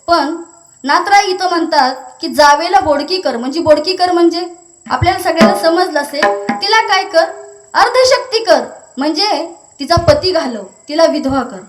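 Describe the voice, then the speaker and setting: High-voiced woman preaching a kirtan. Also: normal speed, echoey room, faint music behind. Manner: lively storyteller who breaks into chanted verses. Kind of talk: devotional sermon with storytelling and song.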